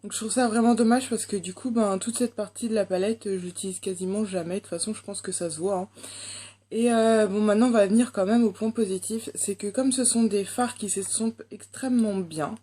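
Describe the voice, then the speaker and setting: Mid-range, steady and mellow, this young woman talks fairly quickly as she reviews a makeup palette. She's a French-accented beauty vlogger whose casual, halting chatter is thick with fillers.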